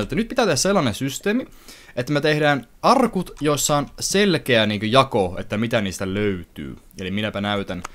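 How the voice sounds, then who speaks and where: A young man hosting a casual let's-play, chatting to viewers as he plays and breaking into excited outbursts. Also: fairly low pitch, slight background noise. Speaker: gaming channel host.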